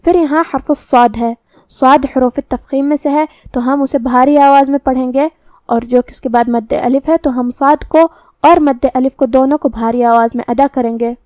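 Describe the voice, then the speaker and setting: A woman teaching Quran recitation, explaining the sounds of each letter slowly and methodically. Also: high-pitched, fairly even intonation, darkish tone, no echo, studio quality. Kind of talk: tajweed lesson with slow recitation.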